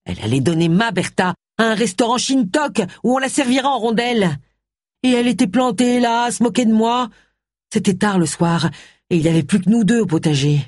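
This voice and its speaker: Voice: mid-range voice, animated, fairly quick, dry recording, clean studio sound, voice pushed up, close to an everyday voice. A narrator voicing a distraught man who dotes on his prize pumpkin and confesses a killing. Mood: confessing.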